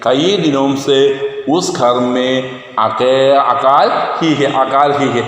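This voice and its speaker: A male teacher explains a poem to students, asking many questions and reciting verse lines slowly. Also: mid-range voice, steady tone, a bit bright. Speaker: Hindi teacher. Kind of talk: classroom lesson explaining a poem. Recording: echoey room with long reverb.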